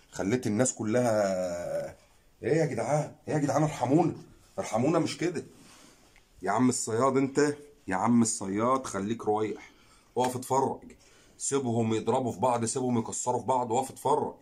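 A man's voice: mid-range voice, darkish tone. A man with an Egyptian Arabic accent, hosting a fishing channel and making an earnest, pleading direct-to-camera appeal, repeating phrases for emphasis.

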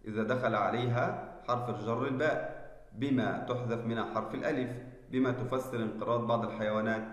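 A male teacher giving a spelling lesson, explaining slowly and deliberately and checking that students follow. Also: mid-range voice. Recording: echoey room with long reverb.

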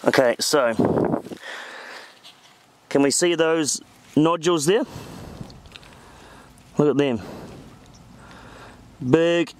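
A man's voice: a little high, extremely slow, long pauses, background noise. A man walking through a crop field outdoors, chatting enthusiastically to a handheld camera. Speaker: farm advisor.

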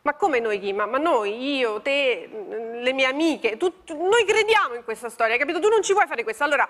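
High-voiced woman doing comic monologue. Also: expressive, a little fast, fairly bright tone. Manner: theatrical, exasperated one-sided phone talk. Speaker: comic performer. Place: TV studio with live audience.

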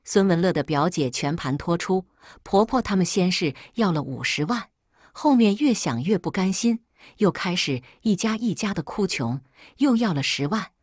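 A woman's voice: fairly low pitch, animated, normal speed, a little mellow, husky, no room sound, studio quality. A woman narrating a first-person story in a wry, unbothered manner.

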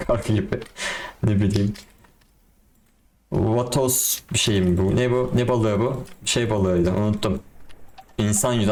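A young man with a lowish voice talks his way through a game in casual, excitable commentary, full of slang and asides to his viewers. A faint hiss of noise sits under the recording. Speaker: gaming YouTuber.

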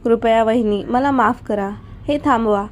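A woman's voice: a little high, unhurried, a little hiss or hum, natural voice. A woman reading a remorseful old man. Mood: pleading. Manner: pleading, apologetic.

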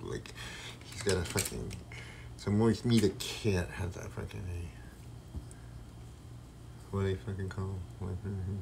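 A man's voice: low voice, fairly even intonation, a little slow, creaky, pauses often, background noise. A man freestyle rapping and ranting in a rambling, combative, heavily profane way.

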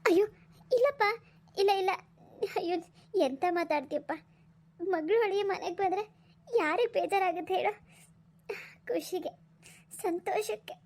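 A woman's voice: very high voice, moderate pace, long pauses, a little mellow. A woman voicing a humble, weepy village mother in a cartoon who fusses and pleads tearfully. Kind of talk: cartoon voice acting.

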